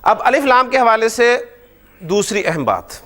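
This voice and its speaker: Man, high voice, classroom grammar lecture, keeps asking the class if it's clear. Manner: animated, asks the class frequent check questions. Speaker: Arabic grammar teacher.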